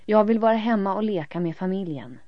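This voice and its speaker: A woman voicing a defiant little girl who shouts her refusals in a raised, loud voice. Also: mid-range voice, lively intonation, dry recording, voice pushed up, close to an everyday voice. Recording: dull lo-fi recording.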